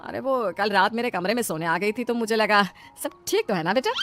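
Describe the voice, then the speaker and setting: A woman's voice: mid-range voice, fairly quick, fairly bright tone, faint music behind, close to an everyday voice. A woman voicing a kindly, indulgent mother-in-law in a comic skit, soothing and reassuring. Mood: gentle.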